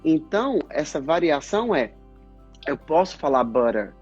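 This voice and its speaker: A man, a speech therapist, explaining pronunciation in a casual live chat, in halting bursts. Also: sits high, expressive, darkish tone. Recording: dull lo-fi stream audio, faint music.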